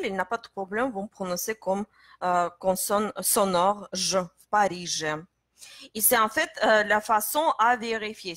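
A woman's voice: medium pitch, fairly bright tone, no room sound. A woman teaching pronunciation in French, explaining step by step with many hesitations. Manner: explanatory, many fillers and restarts. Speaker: Russian teacher. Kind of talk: live-stream pronunciation lesson.

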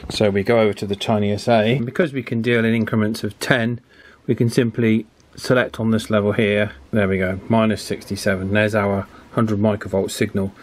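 In this casual tutorial, a hobbyist shows how to align a radio, thinking aloud informally at his indoor workbench amid clearly audible background noise. His voice is lowish and fairly quick, with a flat delivery.

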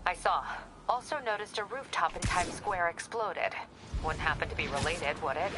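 A woman's voice: lowish voice, moderate pace, noisy background, lightly acted. A woman playing a dry, sardonic police contact. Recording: game music behind.

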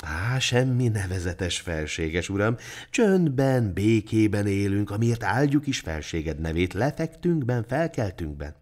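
A man voicing a greedy, cruel male town judge in a storybook tale, slow and humble toward the king. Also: fairly low pitch, animated, a little mellow. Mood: fawning, humble.

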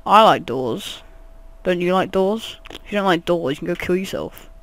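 A man's voice: high voice, expressive, moderate pace, fairly bright tone. A man giving rambling, jokey let's play commentary, swearing often. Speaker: gaming channel host.

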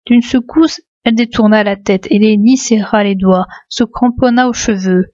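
A woman narrating a novel in a calm, measured storytelling manner. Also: mid-range voice, no room sound, highs cut off. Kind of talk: audiobook narration.

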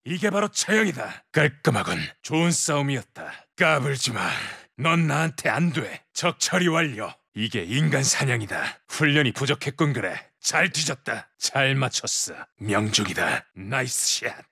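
A man's voice: medium pitch, big pitch swings, moderate pace, vocal fry, hardly any pauses, bright, forceful tone, husky, no echo, studio quality, full character voice. A man voicing a tough, cocky special-forces soldier, delivering clipped combat callouts as video game voice lines. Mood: taunting. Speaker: military operator.

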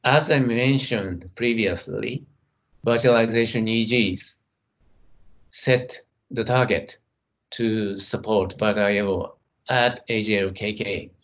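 Low-voiced man giving a technical keynote. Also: fairly bright tone, highs cut off. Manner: measured, reading slides, some non-native grammar. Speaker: keynote speaker.

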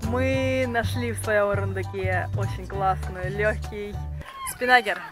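A woman's voice: medium pitch, fairly even intonation, slow. A woman in her thirties, a sailing vlogger, chatting upbeat to a handheld camera on the deck of a yacht, with hesitant fillers. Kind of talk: casual vlog narration. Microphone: action camera held at arm's length. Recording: loud music under the voice. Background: loud music.

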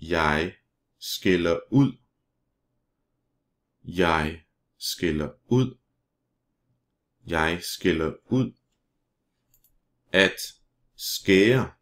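A man teaching vocabulary, saying each word slowly and then repeating it. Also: low voice. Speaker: language teacher. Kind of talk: slow vocabulary drill reading.

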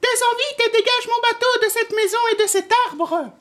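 A woman voicing a small, anxious boy mouse in a storybook, calling the winds in a shrill, urgent voice. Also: normal speed, a bit bright.

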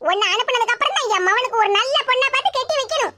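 A woman voicing a harsh, stubborn middle-aged mother-in-law in a cartoon, with a Tirunelveli Tamil accent and a fast, scolding way of talking. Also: extremely high pitch, expressive. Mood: angry. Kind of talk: cartoon voice acting.

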